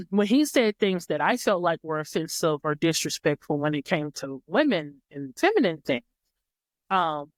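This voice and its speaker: Her voice sits on the low side and the audio has no echo as this woman, a podcast guest, recounts something personal. She tells it casually and thoughtfully, frequently restating and rewording herself.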